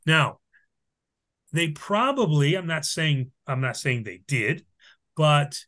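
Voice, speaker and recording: A man, a priest leading a Bible study, teaching in a casual, halting way with many fillers and restarts. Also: fairly high pitch, a bit bright.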